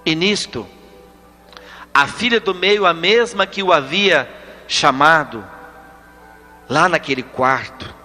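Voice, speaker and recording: A male preacher telling a story in a sermon, slow and dramatic, rising to fervent appeals. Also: on the high side, pushed and bright. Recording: long reverb, faint music behind.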